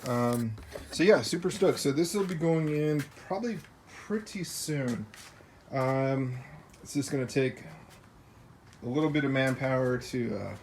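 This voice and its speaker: A man's voice: medium pitch, unhurried, darkish tone. An American man giving a casual, unscripted, upbeat update as a car build vlogger, in informal slangy words. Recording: faint vehicle and ambient noise.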